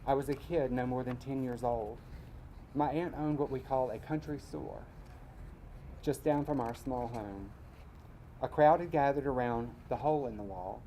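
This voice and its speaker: A man from Mississippi, reading his personal essay aloud at a live event in a measured, wry way. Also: medium pitch, dark tone, a little hiss or hum, low-quality recording. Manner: measured storytelling, wry asides.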